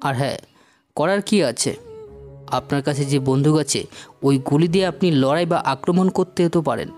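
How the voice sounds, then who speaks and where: A woman voicing a cunning young male gangster who speaks in a calm, persuasive way. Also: sits low, moderate pace, natural voice. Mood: scheming.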